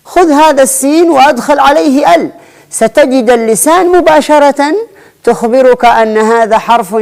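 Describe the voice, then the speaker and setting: A woman teaching an Arabic spelling lesson, often restarting and repeating phrases and slowing down to spell out example words. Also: high voice, creaky, darkish tone. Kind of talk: explanatory lesson.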